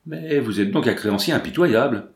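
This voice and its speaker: A man voicing a bold, quick young woman who asks pressing questions, reading audiobook dialogue in a roomy space. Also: medium pitch, expressive, natural voice. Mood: eager.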